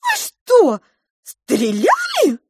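A woman voicing a timid, fussy pink female mouse in a storybook reading, squeaky and gasping. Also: wildly swooping pitch, normal speed, a bit bright, no echo, clean studio sound, exaggerated voice. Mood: frightened. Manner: squeaky, gasping, easily frightened. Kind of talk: audiobook character voice.

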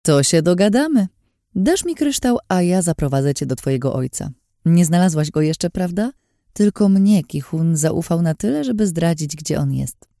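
A woman's voice: fairly low pitch, expressive, normal speed, mellow, dry recording, clean studio sound, pitched above the performer's own voice. A woman voicing a scheming, mocking woman in an audiobook, smug and threatening, in a taunting sing-song way.

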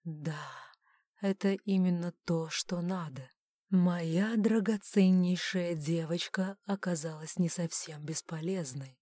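Lady reading as a cold creepy mentalist guy, slow quiet threats, dry booth sound. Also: lowish voice, dry recording. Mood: satisfied. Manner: slow, soft-spoken and coolly menacing. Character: cold, detached adult male mentalist villain. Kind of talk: audiobook character voice.

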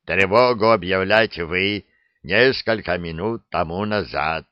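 A deadpan, unflappable soldier, put on by a male reader, lower and slow with broken grammar. The recording is dull and dry. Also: no echo.

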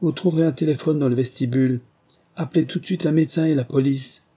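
A man's voice: fairly high pitch, normal speed, husky, pitched above the performer's own voice. A man playing a cool, placid frail detective. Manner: calm, cutting and placid. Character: frail, chilly, unflappable amateur detective.

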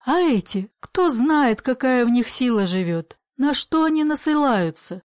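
A woman voicing a stern old grandmother who pleads in a hush and shouts firm orders, in a dry storybook reading. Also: high-pitched, lively intonation, a little slow, no room sound. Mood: plain reasoning. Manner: whispering pleas, then firm shouted commands. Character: old grandmother, fearless yet afraid of cockroaches.

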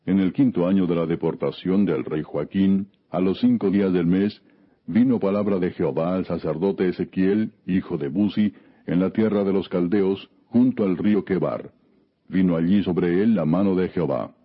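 A man with a deep, somewhat raspy voice narrates scripture. His reading is scripted, measured and solemn throughout. The recording sounds dull and lo-fi. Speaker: Bible narrator. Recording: dull, lo-fi audio.

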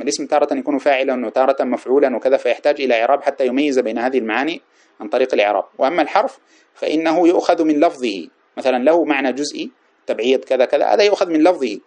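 A man's voice: medium pitch, darkish tone. A man teaching Arabic grammar from a classic text, explaining point by point, repeating examples and asking his class rhetorical questions. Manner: trails off and restarts words mid-phrase.

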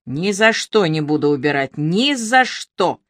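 A woman reading the part of a tearful, desperate young female bartender, raised in pitch. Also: big pitch swings, measured pace, fairly bright tone, dry recording, studio quality, exaggerated voice.

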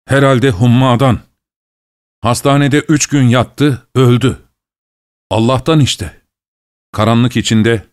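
A man voicing a lonely old cab driver who speaks in a halting, subdued way in a storybook reading. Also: medium pitch, lightly acted. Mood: grieving.

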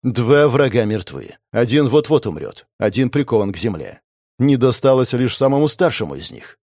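A man's voice: medium pitch, sing-song, moderate pace, a little mellow, no echo, clean studio sound. A man giving dramatic, intense narration of a combat fantasy audiobook. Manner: intense, gritty storytelling.

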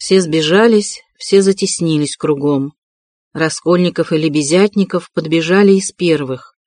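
A narrator giving a measured, dramatic audiobook reading. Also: medium pitch, a little mellow, no echo, studio quality.

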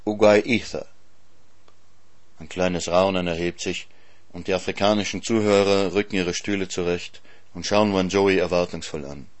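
A man reading a story aloud in a calm, lively storytelling manner. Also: low voice, normal speed. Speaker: narrator.

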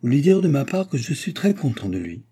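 A man voicing a genial king from a storybook reading, hearty and insistent and plainly fond of his supper. The voice sits raised above the reader's usual low pitch. It keeps a dark, husky grain. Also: very animated, fairly quick. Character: genial, well-fed old-regime king.

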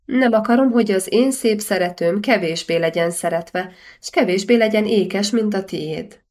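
A woman's voice: mid-range voice, a little mellow, lightly acted. A woman voicing a languid, pleasure-loving young princess in an audiobook, with a lazy, dreamy delivery.

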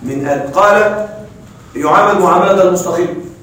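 High-voiced man teaching in an echoey classroom. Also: a bit bright. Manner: quizzes students with questions, recites verses slowly. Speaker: grammar teacher. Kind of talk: classroom lecture on Arabic grammar. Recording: echoey room from a distance.

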